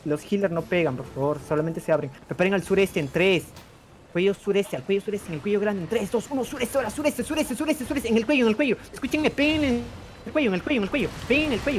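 Fast-talking man calling raid commands. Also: fairly high pitch, darkish tone. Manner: rapid repetitive commands. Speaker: raid caller. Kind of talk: shouted battle commands over voice chat.

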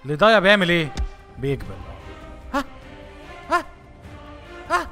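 A young man with an Egyptian accent, commentating his own football video game play in lively, teasing outbursts. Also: high-pitched, normal speed, soft background music. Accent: Egyptian Arabic. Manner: animated, shouting at the game, teasing. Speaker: gaming YouTuber. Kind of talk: excited gameplay commentary.

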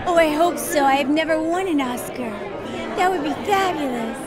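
High sweet-talking woman amid loud party din. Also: normal speed. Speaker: costumed gala guest. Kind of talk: red carpet interview. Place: busy hotel lobby. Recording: loud music and crowd din.

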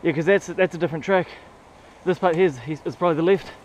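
A man's voice: a little high, quick pace. A man with a broad New Zealand accent chatting casually and exclaiming in Kiwi slang as he rides a mountain bike outdoors, recorded on an action camera. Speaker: mountain biker filming his ride. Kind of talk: casual chat while riding. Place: outdoors on a forest bike trail. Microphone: action camera on the rider. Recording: windy, rattling action-camera audio.

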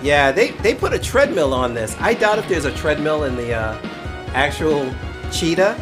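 A man's voice: fairly high pitch, big pitch swings, normal speed. A man from Brooklyn streams a pinball table live, cracking jokes, laughing often and greeting his viewers by name. His voice leaps up and down with a lot of swing, and he sounds a little tipsy. Faint game music plays underneath. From Brooklyn, New York. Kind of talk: casual live-stream commentary.

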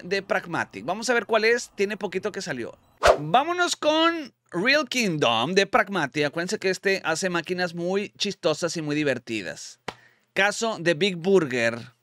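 A man with a Mexican accent giving excitable, slangy commentary on slot machine spins as the channel host. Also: high voice. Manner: excitable, slangy, exclaims at wins. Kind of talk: casual gambling commentary.

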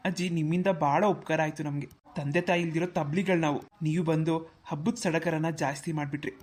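A voice actor playing a humble young village man who speaks softly and earnestly in a cartoon. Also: mid-range voice, steady tone, fairly quick, natural voice. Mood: grateful. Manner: soft, earnest, choked up.

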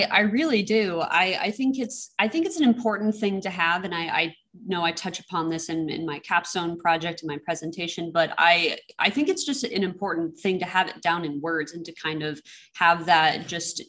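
A woman's voice: fairly low pitch, fairly bright tone. A young woman in her twenties moderating a panel, answering hesitantly and repeating words as she begins.

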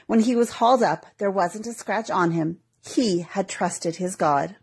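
A woman reading a story aloud in a scripted, even narration. Her voice has a husky grain, and she keeps a mid-range pitch throughout. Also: measured pace.

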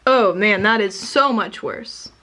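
A woman's voice: mid-range voice, takes it slowly, sharp tone, slight background noise. A young woman chatting casually in a vlog, laughing often and joking sarcastically at herself. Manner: giggly, self-mocking, sarcastic. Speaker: vlogger.

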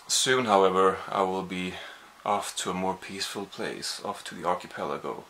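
A deep, fairly bright voice at normal speed belongs to a young adult from Sweden, who has a Swedish accent. He's rambling and self-deprecating in a casual vlog filmed with a handheld camera at arm's length in his small apartment, and there's slight background noise.

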